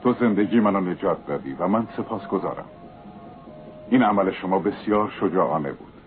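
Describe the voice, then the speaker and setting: An actor dubbing a formal, stiff middle-aged governor in a cartoon, indignant when crossed. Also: male voice, deep voice, lively intonation, soft background music. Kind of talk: dubbed cartoon voice acting. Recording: tinny lo-fi phone-like sound.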